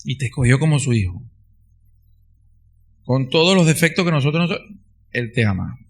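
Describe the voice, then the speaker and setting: A man's voice: medium pitch, big pitch swings, moderate pace, vocal fry. A man preaching a sermon, earnest and emphatic, repeating key phrases for stress.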